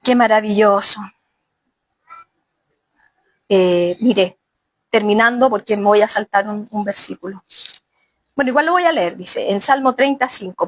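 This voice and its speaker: A woman's voice: on the high side, dry recording, poor audio. A woman pastor preaching a sermon earnestly, speaking directly to the sisters of her congregation. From Chile.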